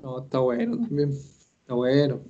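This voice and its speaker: A man's voice: mid-range voice, very animated, moderate pace, dark tone, lo-fi sound. A man hosting a casual online language class, chatty and encouraging, often repeating himself. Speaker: host and Japanese teacher.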